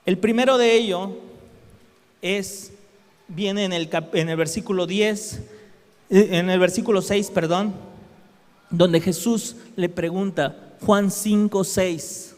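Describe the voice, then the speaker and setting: High-voiced preacher in a reverberant hall. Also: male voice, steady tone, takes it slowly. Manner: conversational preaching with rhetorical questions. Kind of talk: sermon.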